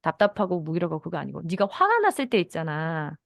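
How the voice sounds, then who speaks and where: A woman giving a lecture to teachers on children's feelings, gently acting out soothing lines a teacher would say to a child. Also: low-pitched, wildly swooping pitch, fast talker, creaky, no room sound. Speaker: mindfulness and parenting educator.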